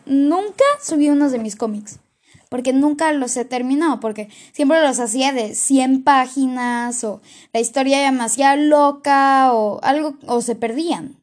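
A woman's voice: high-pitched, moderate pace, a little mellow. A woman in casual chat who tells stories in a chatty way and often restarts her sentences. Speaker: co-host.

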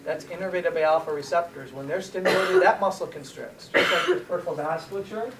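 A man's voice: on the high side, fast talker, fairly bright tone, recorded from a distance. A man teaching a pharmacology class, asking the students questions and then answering them himself. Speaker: pharmacology lecturer. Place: lecture room. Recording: echoey room, voice from afar, faint hiss.

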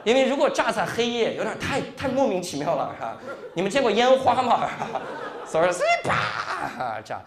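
Young guy doing stand-up, high voice that swings all over, chatty stage storytelling. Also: normal speed, crowd noise. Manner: animated storytelling with frequent tag 哈 and 是吧. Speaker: stand-up comedian. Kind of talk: stand-up comedy set. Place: comedy stage before a live audience.

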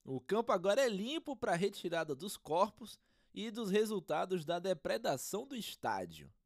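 Podcast narrator, scripted football commentary style, theatrical, urgent, animated intonation, dry studio-like sound. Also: medium pitch, moderate pace, no echo.

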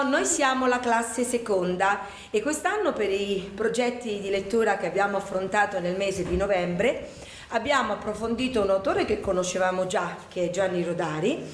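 A woman's voice: mid-range voice, echoey room, a little hiss or hum. A woman teacher introducing her class's reading project for a school web radio, speaking carefully and explaining on the class's behalf.

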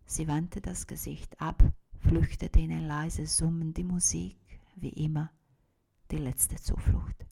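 A woman narrating an audiobook in an expressive reading style. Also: low-pitched, slow, creaky, husky.

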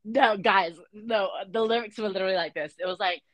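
A woman rambles through a chaotic chat, giggling as she goes and teasing her friend with the odd swear. Her voice sits at a middle pitch. The recording is dry and close. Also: brisk, dry recording, low-quality recording. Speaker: co-host.

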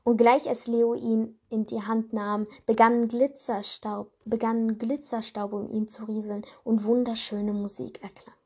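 Husky woman reading her own story. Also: on the high side, flat delivery, unhurried, few pauses, a little mellow. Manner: chatty asides, many fillers. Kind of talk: casual reading of fan fiction.

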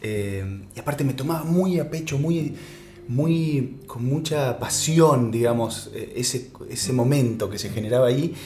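A man in his thirties with an Argentine accent, a voice actor talking in a relaxed interview, reflective and often restarting his sentences. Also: mid-range voice. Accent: Argentine Spanish. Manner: reflective, halting with many restarts. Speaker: voice actor guest. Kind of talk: casual interview chat. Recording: echoey room with faint music.

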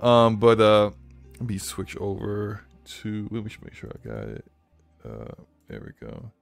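A man's voice: lowish voice, a little slow, vocal fry, faint music behind. A man hosting a casual gaming news podcast, talking loosely with frequent restarts and bursts of laughter. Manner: animated, laughing, many restarts. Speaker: podcast host.

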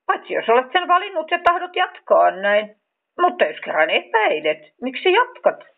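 A woman's voice: high voice, big pitch swings, creaky, heavily acted. A woman doing a kind encouraging storybook creature. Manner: gentle, encouraging, questioning. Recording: tinny phone-like sound.

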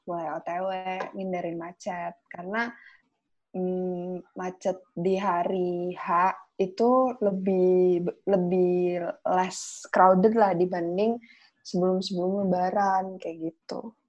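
A woman's voice: fairly low pitch, fairly even intonation, slow, darkish tone, dull audio. A young woman with a Jakarta accent chatting casually in colloquial Jakarta slang, with some English mixed in. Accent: Jakarta Indonesian. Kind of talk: casual chat.

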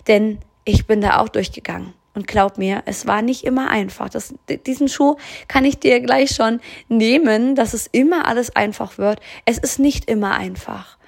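A woman's voice: mid-range voice, gravelly. A woman hosting a motivational podcast, earnestly encouraging the listener and speaking to them directly. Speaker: podcast host and coach.

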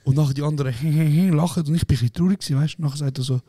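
A Swiss German man with a fairly high but mellow voice tells animated, slangy stories in casual podcast chat. The recording is dry and close. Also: racing, no room sound. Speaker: podcast co-host. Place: podcast studio.

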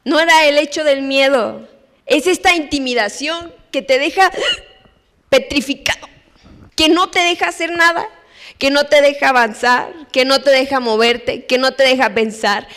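High-voiced woman preaching in a hall. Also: moderate pace. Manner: expressive, acts out voices in her stories. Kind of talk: sermon. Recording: long hall reverb.

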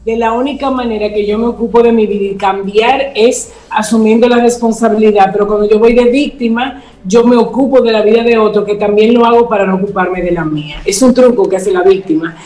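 A woman who is a talk show guest, explaining calmly and acting out everyday dialogues as examples. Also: medium pitch, brisk, few pauses. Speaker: guest speaker. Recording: roomy echo.

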